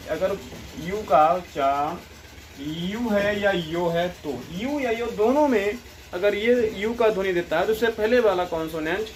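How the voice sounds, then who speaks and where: A man teaching English pronunciation in a slow, repetitive style, explaining word by word. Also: high voice, slight background noise, poor audio. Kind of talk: classroom-style explanation over a board.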